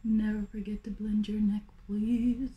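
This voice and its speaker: A young woman with a raspy, lazy voice chatting casually through a makeup tutorial, full of fillers. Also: fairly high pitch, measured pace, narrow, tinny audio. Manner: lazy, laid-back delivery full of fillers. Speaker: makeup vlogger.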